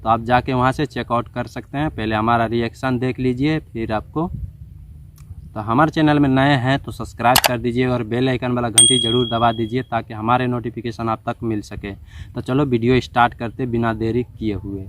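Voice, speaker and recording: A man's voice: mid-range voice, fairly even intonation, fairly quick, a little hiss or hum. A man hosting a reaction video, asking viewers to subscribe and chatting over the clip. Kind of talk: reaction commentary.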